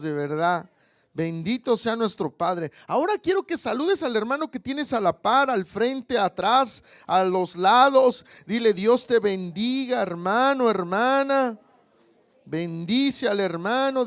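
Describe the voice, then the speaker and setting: A man's voice: high voice, no room sound. A man preaching a sermon in church, reading scripture aloud and calling out questions to the congregation. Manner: reads scripture aloud with pauses. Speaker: pastor.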